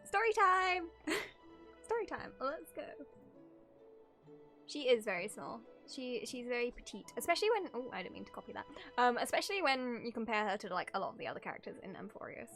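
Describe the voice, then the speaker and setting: A woman livestreamer with a high-ish, fairly bright voice talks briskly and very animatedly over game music. Giggly, playful and easily sidetracked, she chats casually and reads the game's story aloud as she reacts.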